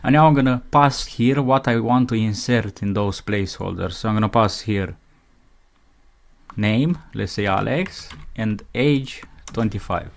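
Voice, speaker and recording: Male coding instructor, lower register, dictates each line as he types; keyboard audible. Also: gravelly. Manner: dictates code as he types, slow and methodical. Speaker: programming instructor. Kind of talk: screencast coding tutorial.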